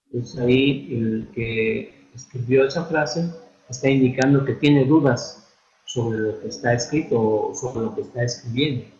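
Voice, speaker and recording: A man's voice: medium pitch, darkish tone. Man teaching with hesitant fillers, echoey. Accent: Mexican Spanish. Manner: unhurried, hesitant, many fillers and restarts. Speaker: instructor. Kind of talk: online lecture on writing and spelling. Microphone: computer mic for a virtual classroom. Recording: echoey, dull online-classroom audio.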